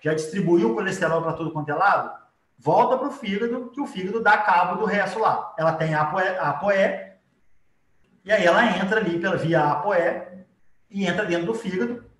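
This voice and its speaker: A man's voice: high-pitched, normal speed, a bit bright, distant mic. A man with a Brazilian accent giving an informal, explanatory lecture as a teacher, often checking in with short tag questions. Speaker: biology teacher. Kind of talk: informal live lecture with drawing. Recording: echoey room.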